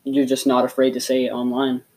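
A man's voice: mid-range voice, completely flat delivery, fast, a little mellow, low-quality recording. A teenage boy co-hosting a podcast in casual chat, filling his speech with "like". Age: teens. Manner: casual, heavy use of "like". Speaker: podcast co-host.

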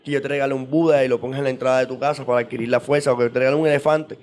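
A man's voice: medium pitch, fairly even intonation, very fast, darkish tone. A man explaining in casual interview talk, at length, with frequent repeats and restarts. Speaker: guest on esoteric topics.

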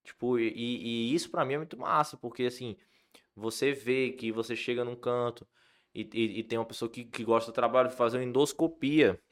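A man's voice: mid-range voice, brisk. A man from Ceará, a comedian telling stories in a casual chat, full of fillers and restarts. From Ceará, Brazil. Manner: animated storyteller, many fillers and restarts. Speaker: comedian guest.

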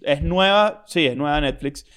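A man in casual conversation, his voice a little high for a man. He cuts in often with slangy remarks and presses the others with follow-up questions. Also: moderate pace, fairly bright tone, smooth. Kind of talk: casual chat.

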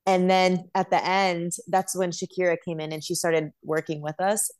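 Woman with a lowish voice telling a long story. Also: flat delivery, normal speed, a little mellow, clear, resonant tone. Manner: eager, rambling storytelling. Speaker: guest dancer. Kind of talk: casual interview chat.

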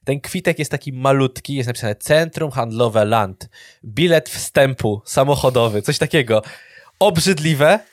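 A young man co-hosting a casual chat, joking and animated, laughing often. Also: mid-range voice, measured pace, dry recording, clean studio sound. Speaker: podcast co-host. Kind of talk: casual banter.

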